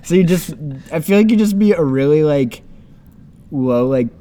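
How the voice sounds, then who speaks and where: A man's voice: fairly high pitch, lively intonation, moderate pace, dark tone. A man in casual chat, riffing on ideas with jokes and the odd swear word. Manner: jokey, riffs on ideas, swears.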